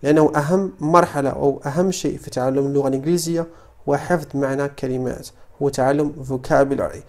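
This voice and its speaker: Moroccan-accented man teaching English words slowly. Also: on the high side, darkish tone. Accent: Moroccan Arabic. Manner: slow, repeated model pronunciations of English words. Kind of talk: Arabic-language English lesson.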